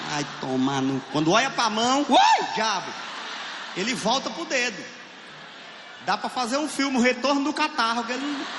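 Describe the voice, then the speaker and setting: A man with a Brazilian Portuguese accent doing a crude stand-up set on a theater stage, animated and laughing at his own jokes. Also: fairly high pitch. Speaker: stand-up comedian. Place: theater stage with live audience. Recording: echoey hall with room noise.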